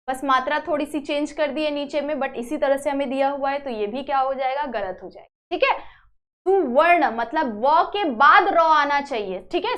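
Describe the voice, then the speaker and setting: A woman teacher talks through a recorded lesson at a steady, patient pace. She speaks in a high voice and checks in with her students again and again as she goes. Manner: explains step by step, repeating "ठीक है" as a check-in. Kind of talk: classroom-style video lesson.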